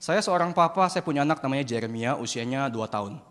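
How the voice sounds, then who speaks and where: A man preaching a sermon to a youth congregation as an animated, joking storyteller. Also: medium pitch, fast talker. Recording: echoey church hall.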